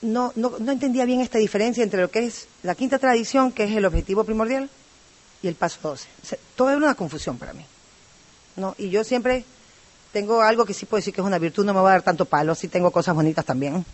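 A woman's voice: medium pitch, fast, a little mellow. Chatty Ecuadorian woman giving testimony. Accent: Ecuadorian Spanish. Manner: talkative and rambling, with many asides. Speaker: speaker at a recovery group meeting. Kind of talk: personal testimony.

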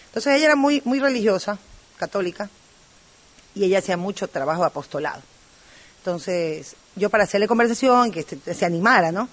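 A woman's voice: mid-range voice, expressive, fairly quick. A woman from Ecuador speaks with an Ecuadorian accent as she gives her personal testimony to a recovery group. She is talkative and rambling, piling on asides and tag questions as she goes. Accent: Ecuadorian Spanish.

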